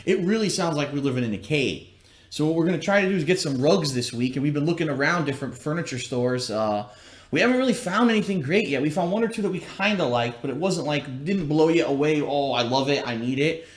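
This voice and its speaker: A man's voice: animated, fast talker. A man streaming from a bare, newly moved-into house, his voice echoing like a cave off the empty rooms as he chats casually and rambles about his plans. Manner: rambling, plain-spoken. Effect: cavernous room echo from bare, unfurnished rooms. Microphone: laptop livestream. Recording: echoey empty room on a low-quality laptop stream.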